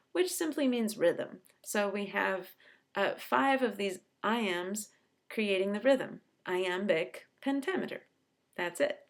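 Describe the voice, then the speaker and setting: A middle-aged woman professor explaining a poem in a chatty, enthusiastic way, sounding out its rhythm aloud. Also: lowish voice. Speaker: literature professor. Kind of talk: explanatory lesson.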